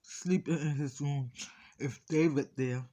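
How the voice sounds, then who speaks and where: Man, higher-pitched, eating as he talks with a full mouth; slow, aggrieved, casual storytime delivery. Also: fairly even intonation, mellow. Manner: talking with mouth full while eating, in short halting phrases; aggrieved, insistent, repeating phrases. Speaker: vlogger.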